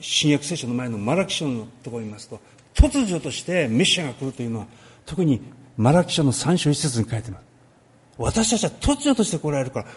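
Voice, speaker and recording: A man giving a sermon on a Bible passage, talking in a lively way with many pauses and filler words. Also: mid-range voice, slightly rough. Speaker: pastor.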